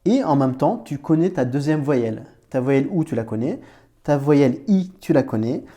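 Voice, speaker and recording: Mellow-voiced man teaching a lesson. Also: medium pitch, lively intonation, moderate pace. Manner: patient, repeats points, talks to learner as tu; playful memory images for letters. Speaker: Arabic reading teacher. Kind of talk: informal explanatory lesson.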